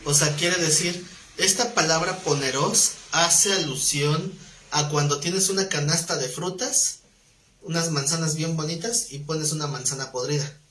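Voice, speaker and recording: A man teaching a live Bible class, animated, breaking into quoted voices. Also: unhurried, slight background noise. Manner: animated, acts out quoted voices with rising pitch. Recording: roomy echo.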